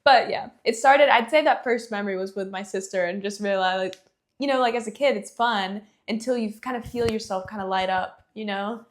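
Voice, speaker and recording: Speaking at a medium pitch and a brisk pace, a young woman from Athens, Georgia chats casually while being interviewed. She's a singer-songwriter who laughs a lot and fills gaps with "you know."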